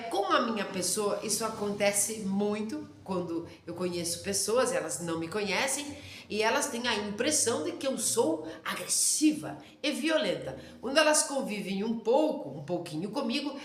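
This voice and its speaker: A woman with a Rio Grande do Sul interior accent giving a casual religious lesson, talking fast, loud and intensely. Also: medium pitch, lively intonation, a little hiss or hum. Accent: Rio Grande do Sul interior Brazilian Portuguese. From interior of Rio Grande do Sul, Brazil. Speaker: Torah teacher. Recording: roomy echo.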